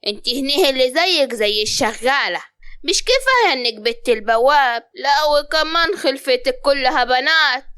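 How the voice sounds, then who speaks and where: A woman's voice: high-pitched, animated, moderate pace, sharp tone, no room sound, clean studio sound. An actress playing a harsh, bossy older mother-in-law with an Upper Egyptian accent, scolding and giving orders. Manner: scolding, commanding.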